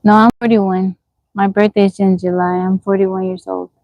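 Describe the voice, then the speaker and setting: Broadcasting a relaxed livestream outdoors in the woods, this woman in her 40s reads out viewer comments and replies bluntly, asking questions and going over the same points again. Her mid-range voice barely shifts in pitch and moves at a moderate pace. The recording is dry and lo-fi.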